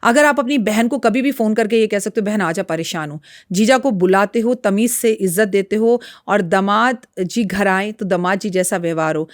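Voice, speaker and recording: A woman's voice: medium pitch, moderate pace, few pauses, no echo. Woman, astrologer guest, outspoken, preachy, dry studio sound. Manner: frank, outspoken, lecturing. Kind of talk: podcast interview talk.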